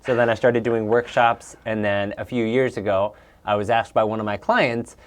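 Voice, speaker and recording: With a lowish voice, a steady tone and normal speed, this executive coach appears as an interview guest. He's in his thirties, raised in Peru and Bolivia, and chats casually with upbeat enthusiasm, frequently restarting what he's saying.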